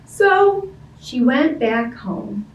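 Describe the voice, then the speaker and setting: Reading a picture book aloud for small children, a woman speaks very slowly in a high, sing-song voice, pausing to chat and ask them simple questions. It's an expressive story-time session captured in a roomy space that sounds distant, with light background noise.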